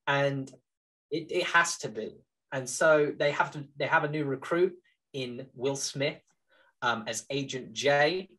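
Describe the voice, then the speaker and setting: A young man in his twenties co-hosting a film podcast, enthusiastically and sincerely pitching a movie. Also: a bit bright, rough recording. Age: 20s. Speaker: podcast co-host. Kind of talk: casual film-review chat.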